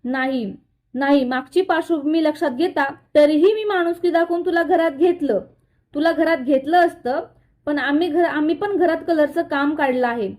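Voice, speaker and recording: A woman's voice: high-pitched, normal speed, a little mellow, lightly acted. A woman voicing a stern, protective middle-aged mother who speaks firmly and bluntly.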